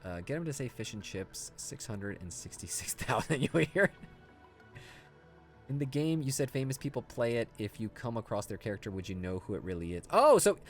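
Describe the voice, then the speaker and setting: A man streams a game casually, chatting, reading viewer comments aloud and chuckling often in an easygoing way. His voice is medium-pitched and very animated at a normal speed, with music playing behind him.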